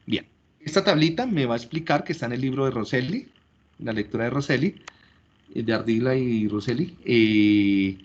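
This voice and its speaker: Lecturing man, dull lo-fi recording. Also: medium pitch. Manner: explanatory, checks understanding with frequent rhetorical questions. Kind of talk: classroom lecture.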